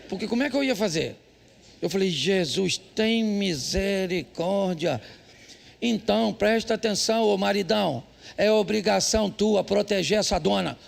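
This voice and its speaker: A pastor speaking with a Brazilian Portuguese accent preaches a funny sermon during a church service, full of stories and blunt jabs at husbands. He has a high-sitting voice marked by vocal fry.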